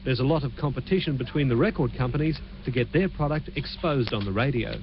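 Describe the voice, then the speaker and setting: A man reporting an entertainment news story on TV, heard through a low quality stream of the broadcast. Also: dull audio, noisy background. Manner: measured, clear scripted delivery. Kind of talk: TV news report narration with chat to the anchor.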